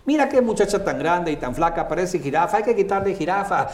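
A man's voice: sits high, expressive, fairly quick, roomy sound, voice pushed up. A man putting on a jeering young man. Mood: mocking. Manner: jeering, exaggerated. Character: mocking young man jeering at a tall girl.

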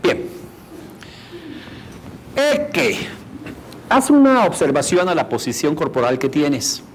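A man's voice: on the high side, very animated, slow, slight background noise, poor audio. A man teaching a workshop on rapport, demonstrating and often asking the audience questions. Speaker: instructor.

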